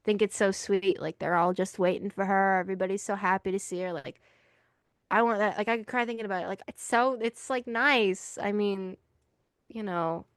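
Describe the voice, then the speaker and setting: A woman's voice: mid-range voice, steady tone, normal speed, clear, resonant tone, dry recording, clean studio sound. A woman co-hosting a podcast in casual chat, rambling with many fillers. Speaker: podcast co-host.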